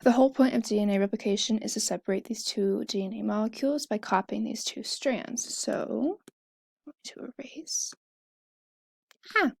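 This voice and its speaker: A woman's voice: mid-range voice, moderate pace, gravelly, breathy edge, no echo, clean studio sound. A young woman talking casually, explaining a topic step by step while she draws, often correcting herself mid-sentence. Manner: chatty, self-correcting, fillers and asides.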